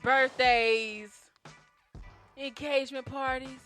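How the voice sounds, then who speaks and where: A woman's voice: sits high, steady tone, slow pace, fairly bright tone, soft background music. A woman hosting a podcast in casual, playful chat, laughing often as she talks. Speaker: podcast host.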